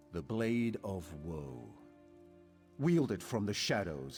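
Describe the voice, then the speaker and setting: In a video game, a sinister man recruits assassins for a dark cult. His deep voice is heavily acted, moving slowly and theatrically as it rises and falls with silky menace, while soft music plays behind him.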